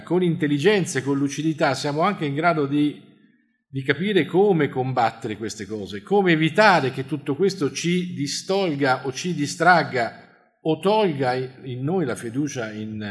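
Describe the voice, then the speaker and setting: A man preaching a reflective sermon, reading scripture aloud and talking in a halting way, restarting words and adding little tag questions. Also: mid-range voice.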